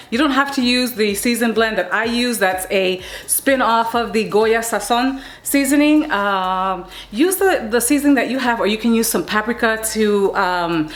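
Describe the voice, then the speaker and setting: A woman's voice: a little high, a bit bright. Chatty woman cooking vlogger. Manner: chatty and playful, with a preachy blessing at the end. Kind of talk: casual cooking vlog. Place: home kitchen under hot lights.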